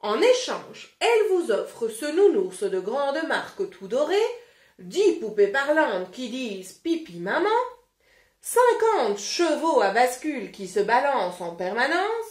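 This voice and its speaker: Brief: woman playing a formal storybook general, slow and high. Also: sing-song, reverberant. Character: stiff formal army general delivering a royal demand.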